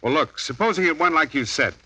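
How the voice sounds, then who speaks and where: A man's voice: a little high, animated, quick pace, pushed and bright, full character voice. A man playing a wry, sardonic hard-boiled private detective who narrates in an old radio drama. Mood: tough. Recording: dull old radio broadcast with music.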